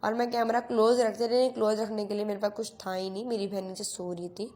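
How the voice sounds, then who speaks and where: Speaking fast in a mellow, medium-pitched voice with little pitch movement, a teen vlogger records a get-ready-with-me video on her phone camera in her bedroom. She chats and pokes fun at herself, blending English phrases into her Hindi.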